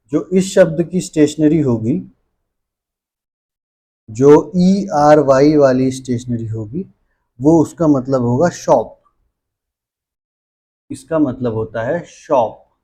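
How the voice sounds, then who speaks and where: A male grammar teacher talks slowly and carefully, spelling words out one letter at a time and repeating each key term. His voice is mellow and a little husky. He keeps checking in with the class as he goes. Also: fairly high pitch. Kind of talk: classroom-style exam lesson.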